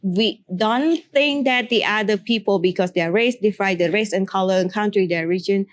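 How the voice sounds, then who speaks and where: Woman, young adult, makeup artist interviewed, earnest and encouraging, halting second-language English, mid-pitched voice. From Cambodia. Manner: earnest, encouraging, with restarts and broken English phrasing. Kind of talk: interview answer, advice.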